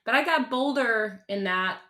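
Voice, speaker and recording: A woman in her thirties, a country singer-songwriter, speaking earnestly and haltingly as an interview guest, with many restarts. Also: a little high, animated, bright, forceful tone. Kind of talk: candid interview conversation.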